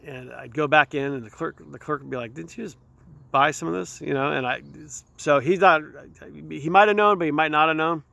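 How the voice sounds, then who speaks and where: A man hosting his own show, telling a candid personal story in a rambling, halting way, often repeating words. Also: a little high, steady tone, gravelly, bright, forceful tone, no room sound. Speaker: show host.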